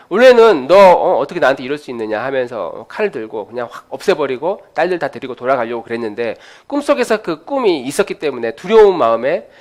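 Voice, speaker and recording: Animated preacher telling a story. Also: male voice, sits high. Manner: animated storytelling with frequent fillers. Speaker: pastor. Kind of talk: sermon.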